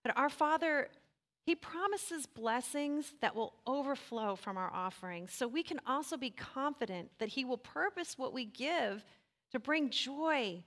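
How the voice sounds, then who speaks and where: A woman's voice: high-pitched, unhurried. A woman speaking at a church service, giving a short devotional and the offering announcement. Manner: calm devotional talk leading into offering.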